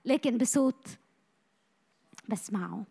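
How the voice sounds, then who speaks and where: A woman preaching a sermon to young people, passionate, moving from loud bursts to hushed lines, her voice a little tired. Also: a little high, expressive, takes it slowly, vocal fry, breathy edge. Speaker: missionary speaker. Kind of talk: sermon to a youth meeting.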